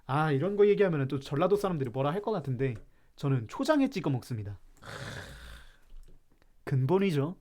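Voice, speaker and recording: A man's voice: fairly high pitch, big pitch swings, fairly quick, long pauses, darkish tone. A man from Chungcheong, South Korea, hosting a live stream and ranting about food in a playful, mock-serious way while reacting to chat.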